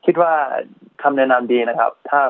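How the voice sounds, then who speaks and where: A man with a mid-pitched voice and an English-speaking foreigner's accent gives casual interview answers. His Thai is non-native and broken, halting and polite, with simple grammar and English words dropped in. The sound is narrow, like a phone line. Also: slight background noise. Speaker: interview guest, YouTuber.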